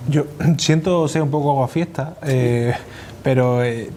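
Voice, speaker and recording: A man, a journalist putting a long, unscripted interview question in halting, circuitous phrasing. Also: medium pitch, mellow, slight background noise. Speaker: journalist panelist.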